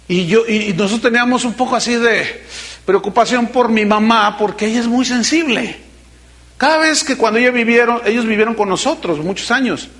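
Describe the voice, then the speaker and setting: A middle-aged pastor with a Mexican Spanish accent delivers a sermon in a high-pitched voice. He tells folksy stories, moving between teasing asides and earnest appeals. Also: brisk, a bit bright.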